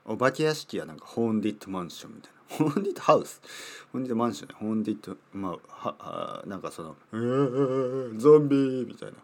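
A man's voice: lowish voice, lively intonation, racing. Playful rambling male podcast host. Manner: playful and rambling, repeats words while thinking aloud. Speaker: podcast host teaching Japanese. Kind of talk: casual solo podcast talk.

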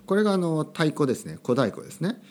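A man's voice: fairly high pitch, very animated, fast, background noise. Playful man hosting a language podcast. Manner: playful and jokey, exaggerating for fun. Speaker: podcast host teaching Japanese. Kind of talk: casual solo podcast for language learners.

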